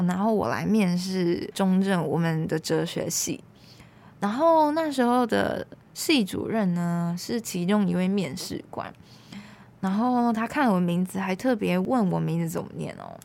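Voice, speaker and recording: A woman in her twenties with a Taiwanese Mandarin accent, hosting a podcast and telling a personal story in an animated, exasperated way. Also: medium pitch, vocal fry. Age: 20s. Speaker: podcast host. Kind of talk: casual storytelling monologue.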